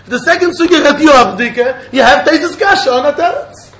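Male Talmud teacher, Yiddish accent, very high voice, insistent and repetitive, recorded in an echoey room with faint noise. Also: expressive, a little fast, fairly bright tone. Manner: insistent, repeats phrases. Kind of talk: informal religious lesson, explaining and questioning.

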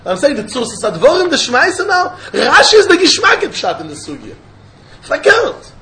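A man's voice: very high voice, wildly swooping pitch, normal speed, bright, forceful tone. A man with a Yiddish accent teaching an informal religious lesson, insistently repeating his phrases as he explains and questions. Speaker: Talmud teacher. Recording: echoey room with faint noise.

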